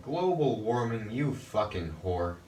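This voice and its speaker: A Romanian video essayist sits indoors at home, rambling loosely through casual commentary on a TV episode and swearing freely. His voice is on the low side, a little slow, with big pitch swings, and music plays underneath.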